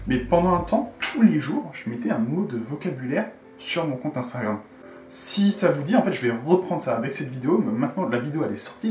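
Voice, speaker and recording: A man's voice: mid-range voice, darkish tone. A man giving a casual, chatty video lesson and talking straight to his viewers. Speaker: YouTuber teaching Korean. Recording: roomy sound from a distant mic.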